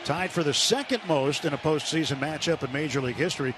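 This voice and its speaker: Speaking fast with a voice on the high side, this man gives live radio play-by-play of a baseball game from the stadium booth. Loud ballpark noise fills the outdoor broadcast.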